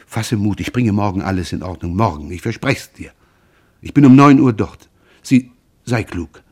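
A man reading a calm, gentle young son. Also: on the low side, moderate pace, slightly rough. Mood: reassuring. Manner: soft, steady reassurance. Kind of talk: audiobook reading.

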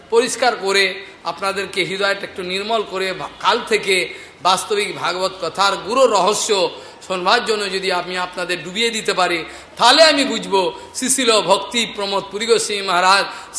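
A man's voice: sits high, pushed and bright. A man with a Bengali accent giving an earnest devotional talk on scripture to an audience. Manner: earnest, anecdotal, addressing the audience directly. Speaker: preacher. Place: lecture hall in a market space. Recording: echoey hall recording with faint noise.

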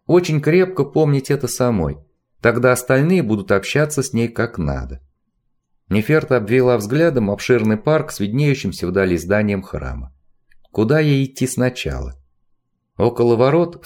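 A male audiobook narrator reading a novel. His voice sits on the low side for a man, yet moves animatedly through each sentence. The storytelling is expressive and steady. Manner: expressive, even-paced storytelling.

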